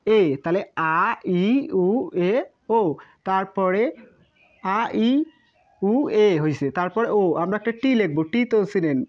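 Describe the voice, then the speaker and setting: Woman, Bangladeshi Bengali accent, teacher, patient syllable drills, mid-pitched, slightly dull lo-fi sound. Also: unhurried. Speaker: language teacher. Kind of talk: explaining at a board.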